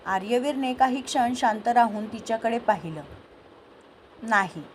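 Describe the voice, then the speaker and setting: A woman storyteller narrating a romance in a calm, unhurried, gentle reading voice. Her pitch sits a little high. A faint hiss of background noise runs underneath. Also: low-quality recording. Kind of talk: read-aloud romance narration.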